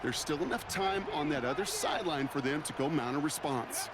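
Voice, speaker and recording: A man's voice: on the high side, fairly quick, natural voice. A man voicing a seasoned football analyst in a video game, explanatory and emphatic, with an American accent. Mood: analytical. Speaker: color commentator. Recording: noisy game audio.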